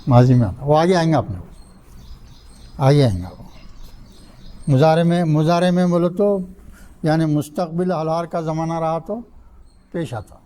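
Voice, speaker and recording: A man's voice: fairly high pitch, long pauses, mellow. An older man teaching an Arabic grammar class in a mosque, asking the class questions and answering them himself while repeating the key rules. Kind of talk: classroom lecture.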